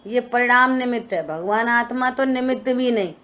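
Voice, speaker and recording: A woman's voice: fairly high pitch, normal speed, fairly bright tone. A woman teaching a scripture study session, explaining points and answering her own questions. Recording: dull lo-fi recording.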